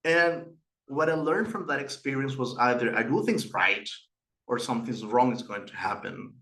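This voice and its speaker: A middle-aged institute director from Peru hosts a webinar presentation, earnestly telling personal stories amid fillers and restarts. His voice carries a Peruvian Spanish accent, medium pitch and a fairly bright tone, at a moderate pace. The audio is poor.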